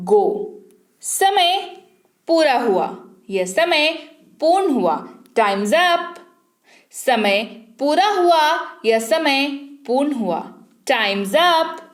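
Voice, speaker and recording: A woman teaching an online English speaking class, reading each phrase slowly and repeating it twice for learners to copy. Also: high-pitched, reverberant. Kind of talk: spoken English lesson.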